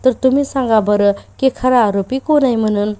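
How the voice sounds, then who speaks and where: A woman's voice: on the high side, moderate pace, warm tone, close to an everyday voice. A woman voicing an older matriarch who firmly hands down a verdict in a playful family trial.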